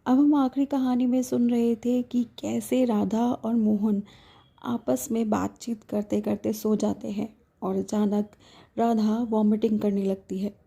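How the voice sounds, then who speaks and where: A woman narrating a serialized romance story in a gentle, measured way. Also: on the high side, level tone, creaky, slightly rough.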